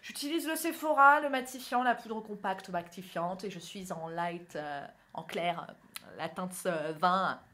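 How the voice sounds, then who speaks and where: A woman's voice: on the low side, a little slow, sharp tone, slight background noise. A young woman from northern France, chatty and self-mocking, talking through her makeup routine in a casual tutorial. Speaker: beauty vlogger. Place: indoors at home, by a window.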